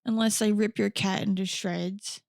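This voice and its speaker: A woman's voice: medium pitch, fairly even intonation, normal speed, gravelly, darkish tone, no echo. A woman podcast host telling a true crime story in a casual, chatty way, with blunt profane asides.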